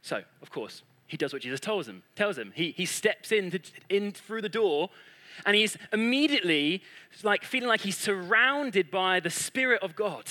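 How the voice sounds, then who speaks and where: A man's voice: sits high, expressive, moderate pace, pushed and bright. A man preaching to a congregation, retelling a scene vividly and dramatically and voicing the characters' thoughts. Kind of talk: vivid storytelling sermon.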